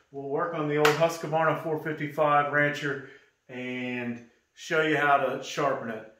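A man in his thirties presents a casual chainsaw maintenance tutorial from an indoor home workshop, talking straight to viewers and dropping a folksy "okay?" between steps. His voice sits on the high side and is a bit bright.

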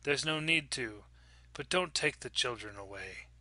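A man's voice: mid-range voice, normal speed, bright, forceful tone, no echo. A man voicing an eerie grey-faced woman who delivers urgent, pleading warnings. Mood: hushed warning.

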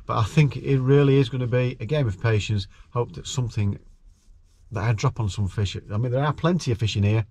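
A man's voice: medium pitch, fairly quick, darkish tone, slightly rough, no echo. A middle-aged man, talking casually to camera outdoors beside a lake, chatting through his plans. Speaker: angler vlogger.

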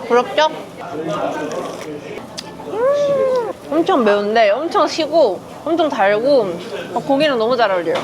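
A woman food vlogger chatting playfully as she eats, full of quick exclamations. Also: sits high, big pitch swings. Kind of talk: casual mukbang chat. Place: busy restaurant. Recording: restaurant crowd chatter behind. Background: diners chattering.

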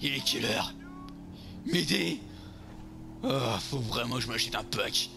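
Un homme jouant un beauf marseillais bourru. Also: male voice, mid-range voice, expressive, unhurried, gravelly, music in the background. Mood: grumbling. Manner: crude, vulgar grumbling, talking to himself while playing. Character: boorish drunk beer-loving lout, man, crude and brash. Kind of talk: game role-play commentary.

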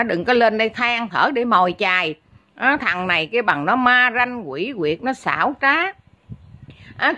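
Bright-voiced woman scolding angrily. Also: medium pitch, lo-fi sound. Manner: scolding, blunt, repeats filler "á" constantly. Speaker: online commentator. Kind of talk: angry ranting commentary.

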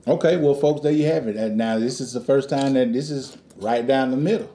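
A man hosts a casual snack review from a room at home. His voice is mellow and relaxed at a middling pitch, and he talks in a playful, joking way. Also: brisk. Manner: joking, playful, chuckles as talking. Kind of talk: casual food review chat. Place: living room at home, indoors.

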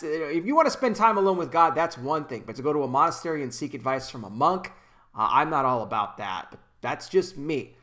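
A man in his thirties talks straight to camera in a slightly higher than usual voice, earnest and gesturing as he comments. He often restarts his sentences, speaking into a desk mic in a small room at home. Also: bright, forceful tone. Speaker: commentary channel host. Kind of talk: casual commentary vlog. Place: small indoor room with kitchen behind. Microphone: desk microphone in front of him.

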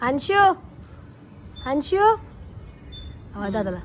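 Here the Marathi-accented vlogger speaks slowly and expressively in a slightly high voice, with slight background noise. Outdoors at a park playground with her handheld camera, she narrates casually to viewers and coaxes a small child.

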